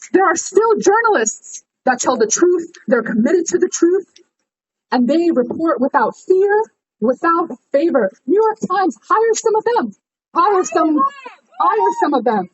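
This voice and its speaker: A woman giving an impassioned, rhythmic protest speech at an outdoor rally. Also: very high voice. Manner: rhythmic, rousing oratory. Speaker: rally speaker. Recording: muffled outdoor recording with street noise.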